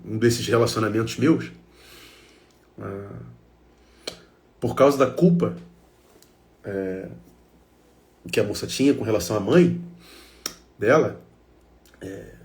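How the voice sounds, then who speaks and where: A man's voice: on the low side, expressive, measured pace, vocal fry, long pauses, darkish tone. A man with a Brazilian Portuguese accent giving an emotional self-help talk, speaking emphatically to his listeners in short repeated phrases.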